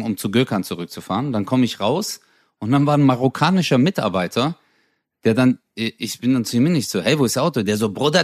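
A man in casual chat, telling an animated story with lots of slang and acted-out dialogue. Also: mid-range voice, no room sound, studio quality.

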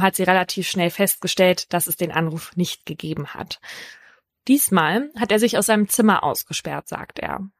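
Calm woman narrating, dry close sound. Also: mid-range voice, no echo. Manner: calm, matter-of-fact narration. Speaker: care worker in a youth facility. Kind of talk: first-person narrated account.

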